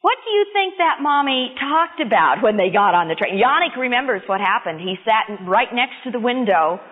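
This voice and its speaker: An older woman telling a true story to children in a lively, expressive way, asking them questions as she goes. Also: fairly high pitch, normal speed. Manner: animated, expressive, asks listeners questions. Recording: tinny phone-like line with long reverb.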